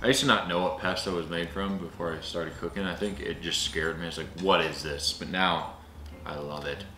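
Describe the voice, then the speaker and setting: A man's voice: sits low, steady tone, normal speed, pushed and bright. A young man chatting casually as he gives his taste reactions on camera at a table indoors. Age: young adult. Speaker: co-host of a taste-test video. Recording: echoey room with noticeable noise.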